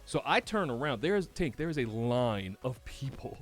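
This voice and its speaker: Animated New York man telling stories. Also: mid-range voice, moderate pace, soft background music. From United States. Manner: animated, swearing, laughs a lot while telling stories. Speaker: podcast host. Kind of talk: casual storytelling chat.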